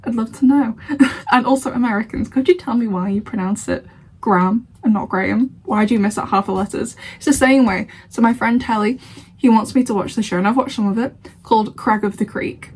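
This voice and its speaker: Her husky, darkish voice sits on the high side and moves briskly. She's a young Lancashire-accented reaction vlogger from Lancashire, England, chatting casually to camera with frequent laughter and mock indignation.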